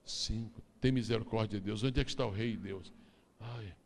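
A man's voice: lowish voice, normal speed, gravelly, slight background noise. A male pastor preaching a sermon, animatedly acting out the story for his congregation. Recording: long reverb of a large church.

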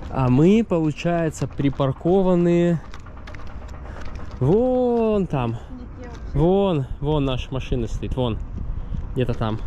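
A man in his thirties vlogs casually while walking by a seaside harbor, filming at arm's length and rambling in a chatty way. His slightly high, dark-toned voice is very animated, yet he takes it slowly with long pauses. The audio is dull, carrying outdoor wind and street noise.

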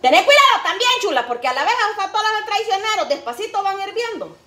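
A woman's voice: very high voice, very animated, fast talker, pushed and bright, pitched above the performer's own voice, heavily acted. A woman voicing her stern elderly mother, who bossily warns and coaxes her daughter while teaching her to cook. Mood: warning. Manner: bossy, warning, coaxing. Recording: roomy, faint background noise.

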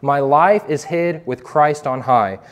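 Young man, evangelist, earnest testimony, preacherly, quotes scripture, slightly high voice. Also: slow, muffled recording. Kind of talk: giving a prepared testimony to a youth group.

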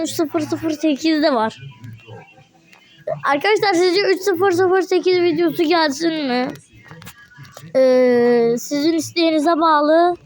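Excitable teen girl gaming, high voice. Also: a little hiss or hum, rough recording. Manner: excitable, easily frustrated, chatty. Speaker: gaming video creator. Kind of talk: casual gameplay commentary. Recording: music playing behind the voice.

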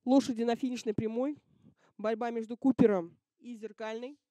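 A woman's voice: fairly high pitch, steady tone, normal speed, mellow, no echo. A woman giving live harness racing commentary in short, terse announcements. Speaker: race commentator.

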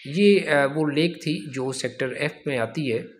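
A man's voice: on the high side, unhurried. Man narrating a driving tour. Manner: steady promotional commentary, lists sectors. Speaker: real estate agent. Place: inside a moving car.

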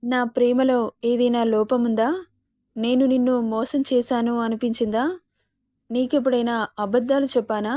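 An intense, possessive young lover in a spoken romance story, firing demanding questions in a fierce tone , as a woman narrator reads him in her own voice. The voice sits fairly high and stays level, with a dry, close sound. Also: little pitch movement, moderate pace, mellow, no room sound, natural voice. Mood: hurt.

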